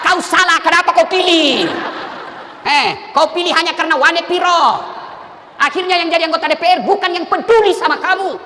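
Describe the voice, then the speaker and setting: A middle-aged preacher, high-pitched and keen, preaching with jokes and acted-out scenes. His voice rings through a large hall with a long reverb tail. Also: moderate pace, slight background noise. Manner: animated, joking, acts out little scenes. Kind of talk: humorous sermon.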